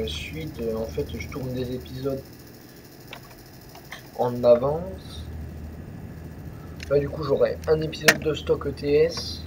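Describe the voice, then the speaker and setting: A man's voice: medium pitch, background noise. A young man casually commenting on a truck driving game, rambling with many fillers and restarts. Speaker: gaming youtuber. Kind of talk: casual let's-play commentary.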